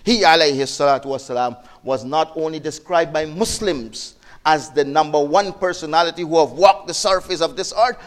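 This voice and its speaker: A man giving a sermon as a preacher, telling a story with emotive rises and hushed drops, repeating words and restarting. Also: moderate pace. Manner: emotive, rises and drops sharply in pitch and loudness; repeats words and restarts, non-native phrasing.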